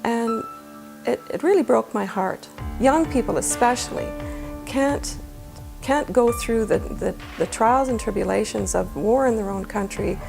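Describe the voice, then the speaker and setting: Brief: woman clinical manager, gravelly earnest interview delivery, clear music underneath. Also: on the high side. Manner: earnest, measured, repeats words as she thinks. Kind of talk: documentary interview.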